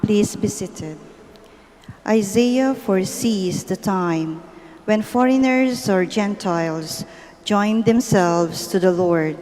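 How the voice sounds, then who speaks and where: A woman's voice: mid-range voice, dark tone. A woman reading formal commentary at a pulpit microphone in a large church. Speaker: commentator at Mass. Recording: long church reverb.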